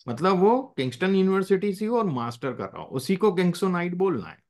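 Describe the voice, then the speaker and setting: A man's voice: high voice, sing-song, brisk, a little mellow. A male teacher taking a live class, with a voice that rises and falls a lot as he explains. He mixes in English phrases and keeps stopping to check that everyone is following.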